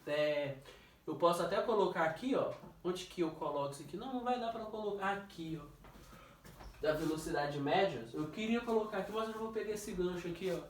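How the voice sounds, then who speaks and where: A man's voice: high-pitched, slight background noise. A male teacher runs a casual physics review, tossing questions at a student and stretching out key words. He sits back from the mic in a roomy, echoing space. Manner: jokey, questioning, drawn-out stressed words. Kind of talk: informal classroom review. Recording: echoey room, distant mic.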